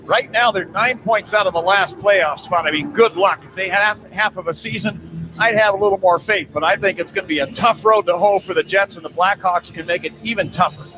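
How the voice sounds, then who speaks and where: A male play-by-play broadcaster hosting a hockey pregame radio show from an arena booth, reading sponsor lines briskly. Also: high-pitched, music in the background. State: recovering from lost voice after a cold. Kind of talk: pregame sports radio talk. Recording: noisy arena radio feed.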